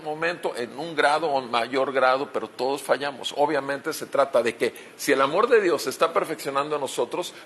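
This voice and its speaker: A man's voice: fairly high pitch, fairly bright tone, a little hiss or hum. A man with a Mexican Spanish accent preaching a sermon as pastor, asking rhetorical questions and repeating key phrases.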